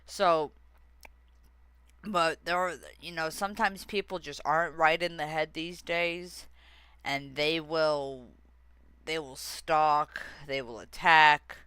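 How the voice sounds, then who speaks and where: Slow-talking rambling streamer, bright voice. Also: medium pitch, fairly even intonation, clear, resonant tone, dry recording. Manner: rambling and easily sidetracked; frequent fillers and restarts. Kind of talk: casual livestream chat.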